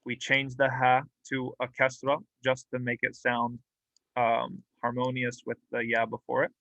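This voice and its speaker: A man's voice: medium pitch, monotone, unhurried, gravelly, sharp tone, no room sound, poor audio. A man teaching a classroom grammar lesson, explaining patiently and drilling example words aloud with light humor. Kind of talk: classroom lecture. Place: mosque classroom.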